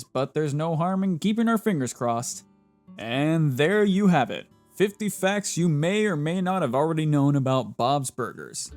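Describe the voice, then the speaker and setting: With music behind him, a man hosts a scripted trivia countdown in a jokey, playful manner, slipping wry remarks between the facts. His voice is on the high side and somewhat dark in tone.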